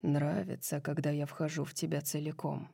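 A woman voicing a tender, awed winged fallen-angel man, speaking in a hushed, breathy whisper with her voice pitched lower and softer than her narration. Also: little pitch movement, moderate pace, dry recording, clean studio sound, full character voice. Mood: breathless.

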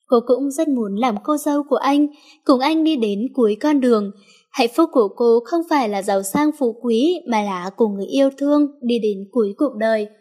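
A woman narrating a romance story in a steady, even reading voice. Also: a little high, moderate pace.

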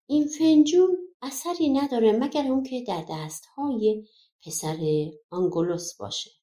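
Stern old fairy-tale king, commanding and gruff, voiced by a woman narrator; roomy sound. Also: sits high, expressive, mellow, pitched above the performer's own voice. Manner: harsh, commanding. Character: stern old male king of a magic land.

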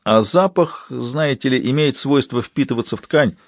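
A man voicing Angel, a calm, polite male visitor who speaks in a measured, politely pointed way in an audiobook. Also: medium pitch, no room sound, clean studio sound, pitched above the performer's own voice, close to an everyday voice.

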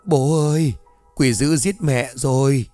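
A man's voice: expressive, unhurried, no room sound, faint music behind, close to an everyday voice. A man voicing a small grieving village boy who sobs and curses in anger. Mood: wailing. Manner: shrill, sobbing, cursing.

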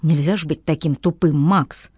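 A tearful, sharp-tongued young woman scolding down the phone, as a woman reader puts her on. Her voice rises shrill and reproachful, recorded close and dry. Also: fairly even intonation, moderate pace, husky, no room sound. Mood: shrill angry.

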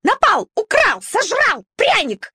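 A woman voicing a nervous, spiteful old female lapdog with a shrill squealing voice in a storybook reading. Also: wildly swooping pitch, takes it slowly, dry recording, exaggerated voice. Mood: shrieking. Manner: hysterical shouting.

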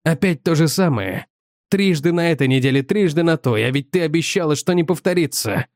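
A man's voice: fairly high pitch, lively intonation, brisk, darkish tone, no room sound, studio quality, lightly acted. A man voicing a jealous, bitter husband who accuses his wife with sarcasm, in an audiobook reading.

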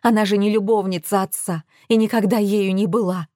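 A woman's voice: medium pitch, steady tone, a little fast, warm tone, no room sound, studio quality, close to an everyday voice. A woman voicing a distraught grown daughter who scolds her mother in exasperation. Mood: exasperated.

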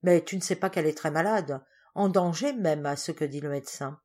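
A woman reading the part of an anxious, quick-tempered father, in an excitable, exclamatory way. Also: low voice. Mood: relieved.

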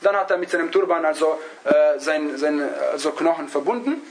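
High-voiced man teaching, halting delivery. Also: low-quality recording. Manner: halting, searches for words, often adds a questioning "ja?". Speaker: religious teacher. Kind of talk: religious lesson, storytelling to a class.

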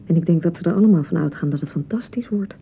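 Speaking fast in a gravelly female voice, this radio-play actress portrays a touchy, anxious young newlywed bride, her Netherlands Dutch accent clear as she rambles, hesitates and self-corrects. The mood is brooding and uneasy, the dialogue naturalistic, and the broadcast muffled with a rumbling noise underneath.

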